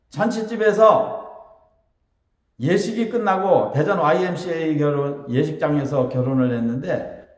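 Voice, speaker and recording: A man from Chungcheong delivers a Sunday sermon as pastor, his fairly high voice leaping up and down as he drives home each point. He keeps repeating key phrases and drops short affirming asides between them. The sound is roomy, with a long reverb trailing off in a church hall. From Chungcheong, South Korea. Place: church sanctuary.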